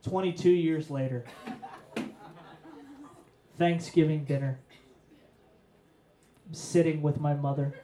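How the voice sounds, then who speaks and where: Young male stand-up, slightly high voice, dry profane storytelling, echoey venue. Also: takes it slowly, long pauses, a little hiss or hum. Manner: profane, deadpan build to punchlines. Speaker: stand-up comedian. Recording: roomy echo.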